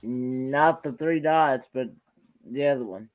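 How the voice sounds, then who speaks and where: A man's voice: mid-range voice, slow. A man co-hosting a casual taste test, answering in short, mumbled bits. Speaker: co-host.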